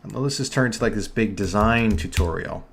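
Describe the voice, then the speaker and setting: A fairly low-pitched young man with a New York accent hosts a casual live tutorial, chatting to viewers and fixing slips as he goes. Faint keyboard typing sits behind his desk mic. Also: normal speed, vocal fry, a little hiss or hum. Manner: chatty, self-correcting, talks to chat while working. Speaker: livestream host teaching online store building.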